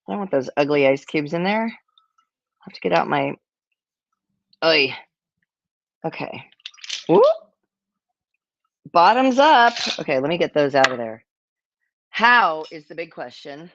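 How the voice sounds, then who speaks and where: A woman's voice: deep voice, animated, measured pace, creaky, pauses often, fairly bright tone, dull audio, slight background noise. A woman hosting a casual cocktail-making demo, chatty and self-deprecating, with rambling asides. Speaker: cocktail show host.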